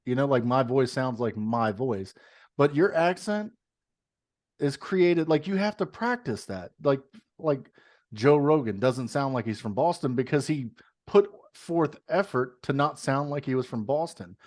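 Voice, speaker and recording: A man's voice: mid-range voice, expressive, measured pace, a little mellow. A man co-hosting a podcast with a slight Texas twang, talking bluntly and profanely in casual chat. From moved to Texas. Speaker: podcast co-host.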